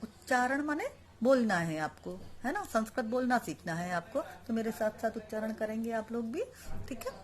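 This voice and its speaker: A woman's voice: fairly high pitch, expressive, moderate pace, slight background noise. A woman teaching a Sanskrit lesson online, explaining each word and then repeating it, asking the class questions and answering them herself.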